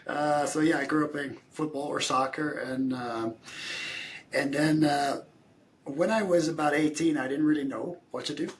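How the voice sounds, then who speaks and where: A man's voice: on the high side, fairly even intonation, moderate pace, slight background noise. Man in his thirties, hesitant. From Netherlands. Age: 30s. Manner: hesitant, many fillers and restarts. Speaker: nutrition scientist guest. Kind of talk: casual podcast interview.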